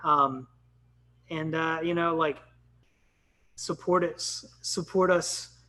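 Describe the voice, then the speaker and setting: A man's voice: a little high, fairly even intonation, takes it slowly, sharp tone. A man in his thirties hosting a casual live podcast, upbeat and chatty with lots of ums. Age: 30s. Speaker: podcast host.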